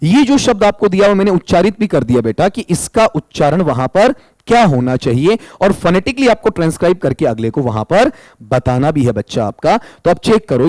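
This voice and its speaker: Man, teacher, higher voice, patient step-by-step explaining, dry close recording. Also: darkish tone, no room sound, poor audio. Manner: addresses students as "beta", spells sounds out one by one. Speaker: exam-prep English teacher. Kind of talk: explaining exam answers in a recorded lesson.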